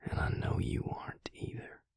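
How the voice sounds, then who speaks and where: This intimate audio roleplay has a man whispering as a vampire mate who is protective, weary and tender, his gravelly, breathy voice deliberate and reassuring. The acting is light, there is no echo, and the mood is pained but resolute.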